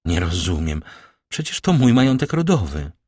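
A man's voice: low voice, big pitch swings, normal speed, a little mellow, dry recording, clean studio sound. A man reading aloud and voicing a frightened, pious young noblewoman in a pleading, tremulous way.

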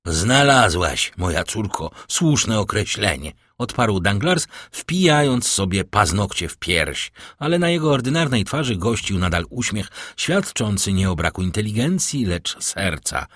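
A man narrating a classic novel as an audiobook in a measured storytelling manner. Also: fairly low pitch, big pitch swings, fairly bright tone, dry recording, clean studio sound.

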